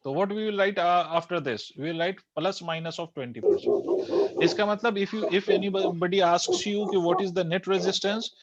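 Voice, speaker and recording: A man's voice: sits high, very slow. A male physics teacher, giving a classroom lecture that mixes Hindi and English, quizzing students and repeating key terms. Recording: dull lo-fi dry recording.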